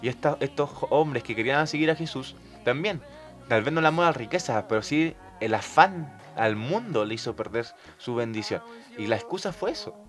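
A man's voice: mid-range voice, animated, a little fast, faint music behind. Man retelling Bible stories. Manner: conversational, retelling Bible passages with restarts. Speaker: podcast co-host.

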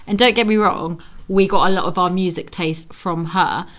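Young woman chatting with her sister, relaxed, laughs easy. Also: fairly low pitch, moderate pace. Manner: laid-back, laughs often. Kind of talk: casual chat between sisters.

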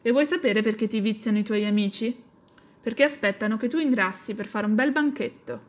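A woman's voice: mid-range voice, a little fast, close to an everyday voice. A woman voicing a mean female chimpanzee who screeches and mocks. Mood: mocking. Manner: screeching, mocking.

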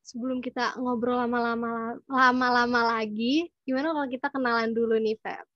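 Teenage female, high-pitched, no room echo, agreeable slangy podcast chat, some English mixed in. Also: fairly even intonation, normal speed, fairly bright tone, dull audio. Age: teens. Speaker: podcast co-host.

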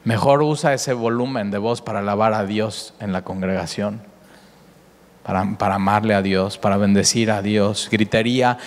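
A man preaching a sermon with animated delivery, often repeating words and rising in pitch for emphasis. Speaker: pastor. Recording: echoey hall with long reverb.

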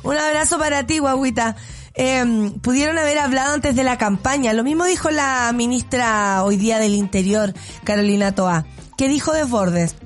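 A woman's voice: on the high side, moderate pace, faint music behind. A woman with a Chilean accent hosting a radio show, giving blunt, sarcastic commentary and laughing often. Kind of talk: casual opinionated radio commentary.

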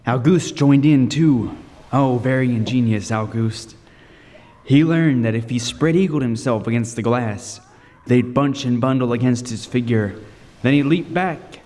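In a radio table read, a man plays a lighthouse keeper narrating his own horror story, vivid and suspenseful. His medium-pitched voice is warm and unhurried, only lightly acted. The room gives a long reverb, with faint noise.

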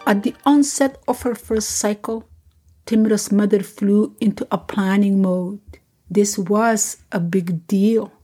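A woman hosting a podcast, reading a scripted family story in a measured, gentle way. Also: mid-range voice, fairly even intonation, breathy edge, soft background music.

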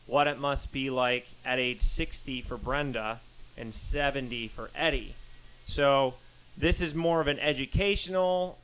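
Smooth-voiced man in his thirties hosting. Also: on the high side, pushed and bright, low-quality recording. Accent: Southern US. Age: 30s. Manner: reads a long list of race results, then chats with fillers. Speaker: podcast host and running coach. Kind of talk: podcast chat with a scripted intro. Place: studio.

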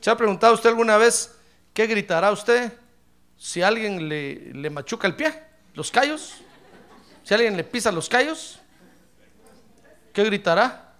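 A man preaching a sermon to his congregation, addressing them directly and breaking into loud shouted praise. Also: high voice, expressive, unhurried, long pauses, slight background noise.

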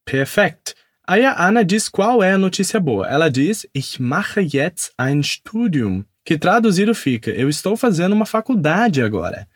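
A man's voice: sits high, very animated, normal speed, no room sound, clean studio sound. A man teaching a podcast language lesson. He enunciates repeat-after-me drills carefully and follows them with upbeat praise.

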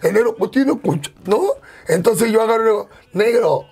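A man with a Peruvian accent, a comedian guest telling anecdotes animatedly in a strong, loud voice. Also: sits high, quick pace, breathy edge. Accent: Peruvian Spanish. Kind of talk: casual anecdotal interview.

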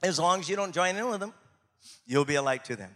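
A man's voice: high voice, expressive, fast talker, pushed and bright, big-room sound. A man preaching a sermon as pastor, emphatic and repeating words to drive points home.

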